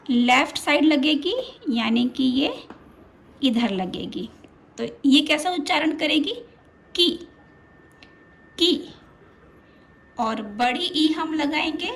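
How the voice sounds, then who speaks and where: A woman's voice: high-pitched, creaky. A woman teaching a children's lesson, patient and drawing out each sound as she repeats it.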